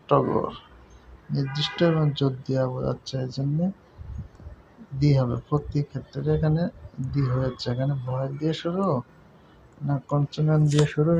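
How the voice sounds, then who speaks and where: A man's voice: mid-range voice, steady tone, normal speed, gravelly, long pauses, warm tone. A man explaining a grammar lesson patiently, repeating points and checking that listeners follow. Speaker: teacher. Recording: dull lo-fi recording with faint noise.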